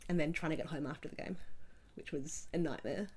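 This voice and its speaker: A woman's voice: low voice, brisk, darkish tone, slight background noise. A young Australian woman losing her voice, chatting at length in an interview with many ums and restarts. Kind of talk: oral history interview.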